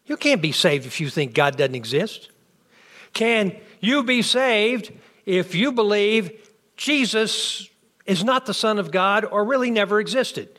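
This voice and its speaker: A man's voice: high voice, animated, a little slow, a bit bright. A man teaching a bible class, firing off questions and answering them himself. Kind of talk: interactive bible class lecture.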